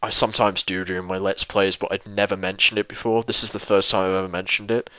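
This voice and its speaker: A man's voice: low voice, flat delivery, fast talker, bright, forceful tone, no echo, poor audio. A young man hosting a let's play channel, answering viewer questions in a casual, rambling and self-deprecating way, swearing freely and restarting his sentences.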